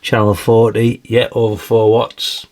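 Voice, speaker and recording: A man with a slightly croaky voice, chatting casually through a radio review and tossing in tag questions. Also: on the low side, completely flat delivery, measured pace, darkish tone. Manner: chatty, adds tag questions like "isn't it, really?". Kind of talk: casual product demonstration.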